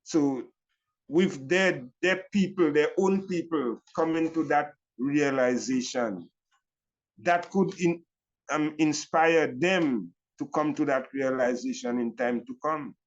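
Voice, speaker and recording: An older Caribbean man speaks in the reasoning manner of a Rastafari elder. His voice sits at a medium-high male pitch for ordinary talk, and he builds his thoughts through repeated phrases. The recording is slightly dull and lo-fi. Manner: Rastafari elder's reasoning speech, deliberate phrasing with repetitions and "you know".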